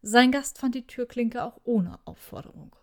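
A woman narrating a fan fiction story aloud in an expressive storytelling manner. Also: a little high, normal speed. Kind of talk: fan fiction audiobook reading.

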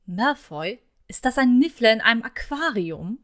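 A woman voicing a brisk, officious young witch who talks in a clipped, insistent way. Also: fairly high pitch, expressive, a bit bright. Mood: alarmed.

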